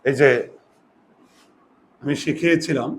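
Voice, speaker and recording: A man's voice: a little high, steady tone, unhurried, a little hiss or hum. A male teacher giving a grammar lesson, explaining step by step and often asking whether his students follow.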